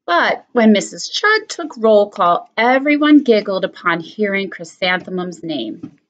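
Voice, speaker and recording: A woman teacher reading a picture book aloud to her students, expressive and animated. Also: mid-range voice, unhurried. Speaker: elementary school teacher. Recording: slightly muffled lo-fi recording.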